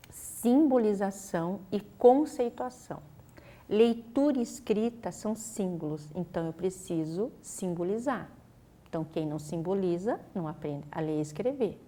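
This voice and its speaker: Woman teacher, patient and instructive, mid-pitched interview guest. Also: darkish tone. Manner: patient, instructive, uses many fillers. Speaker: teacher explaining a literacy method. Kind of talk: explanatory studio interview.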